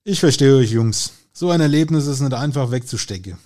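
A man's voice: medium pitch, expressive, a little fast, mellow, lightly acted. A man voicing a jovial older male wine host who speaks in a folksy, hearty way. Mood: warm.

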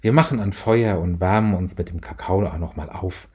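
A man voicing a gentle caring mother. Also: deep voice, moderate pace, husky. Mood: soothing. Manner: gentle and reassuring. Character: warm caring mother, adult woman.

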